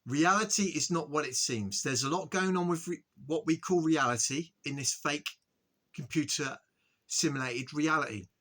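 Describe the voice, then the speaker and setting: A man with a bright, slightly high voice delivers an earnest spiritual monologue straight to his viewers. He talks in halting bursts, restarts and stumbles over his words, and keeps checking in with a quick "okay?". The delivery stays solemn and insistent throughout. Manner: earnest, repetitive, frequent "okay?" check-ins. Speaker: spiritual video host.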